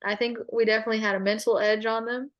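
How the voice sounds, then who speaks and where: A woman's voice: fairly high pitch, flat delivery, quick pace, a bit bright, dull audio. A teenage girl, a guest on a podcast, chatting casually and laughing as she tells stories. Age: teens. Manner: bubbly storyteller, laughs often. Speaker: guest athlete. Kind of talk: casual interview chat.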